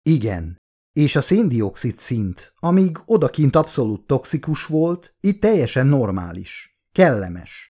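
A man's voice: mid-range voice, big pitch swings, warm tone. A man voicing a cocky, reckless male scientist who talks in a breezy, teasing way in an audiobook.

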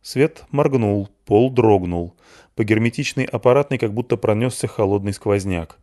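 Low-voiced male audiobook narrator. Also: normal speed, dark tone.

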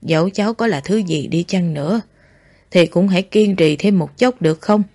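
A woman voicing a tender, grieving old male scientist who speaks in a low, gentle, pleading way. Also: moderate pace, no room sound. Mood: gentle, sorrowful.

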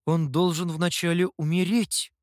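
A man's voice: a little high, level tone, unhurried, no echo, clean studio sound, lightly acted. A man doing a naive young scribe. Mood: earnest. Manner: earnest, questioning.

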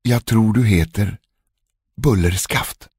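A man's voice: fairly low pitch, a little mellow, husky, no room sound. A man reading a storybook, voicing a desperate young queen who pleads and guesses. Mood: pleading. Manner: pleading, imploring.

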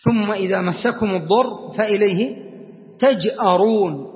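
A man teaching a class as a sheikh, explaining grammar deliberately, repeating key words and quizzing his students. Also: high-pitched. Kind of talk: classroom lesson on Arabic grammar. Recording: dull lo-fi sound with long reverb.

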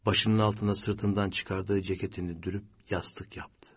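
A man narrating an audiobook in a slow, measured, somber way. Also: low voice, little pitch movement, slightly rough.

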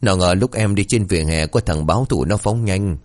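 A man's voice: low voice, a little fast, darkish tone, dry recording, studio quality, natural voice. A man voicing a young female ghost who whines and pleads pitifully. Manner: whiny, pleading.

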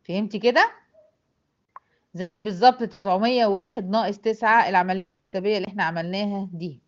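A woman with an Egyptian accent teaches tajweed at a brisk pace. She explains each rule patiently and keeps checking whether her students follow. The recording sounds dull and lo-fi. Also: medium pitch. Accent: Egyptian Arabic. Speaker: Quran recitation teacher. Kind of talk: online tajweed lesson.

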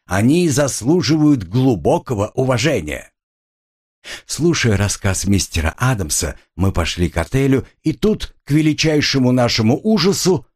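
A man reads a travel story aloud in a dramatic, expressive style. His mid-pitched voice rises and falls with lively swings. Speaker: narrator. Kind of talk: audiobook narration of a travelogue.

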